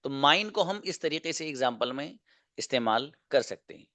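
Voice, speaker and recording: A man teaching an online English grammar lesson, explaining slowly, repeating examples and asking rhetorical questions. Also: medium pitch, animated, pushed and bright, no room sound.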